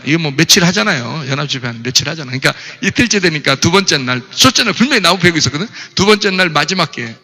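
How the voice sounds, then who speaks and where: Animated pastor preaching in a church hall. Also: male voice, a little high, creaky. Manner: animated storytelling, asks the audience questions. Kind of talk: sermon.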